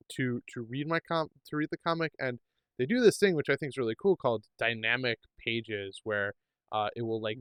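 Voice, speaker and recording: A man's voice: mid-range voice, a bit bright, dry recording, low-quality recording. A man co-hosting a podcast, chatting casually and rambling with lots of fillers and restarts. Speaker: podcast co-host. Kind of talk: casual chat.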